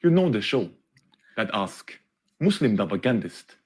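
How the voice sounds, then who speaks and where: A man's voice: fairly low pitch, very animated, unhurried, darkish tone, breathy edge, full character voice. A man voicing a pompous male Russian show host in a comedy clip, speaking stiff, broken, overly formal phrases in a put-on Russian accent. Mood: mock-serious. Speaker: mock interviewer in a comedy clip.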